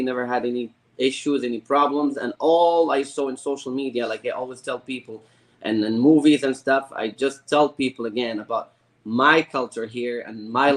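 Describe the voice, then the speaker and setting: Halting, eager man from Morocco. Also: mid-range voice. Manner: halting, repeats words, eager. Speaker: guest. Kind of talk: casual interview.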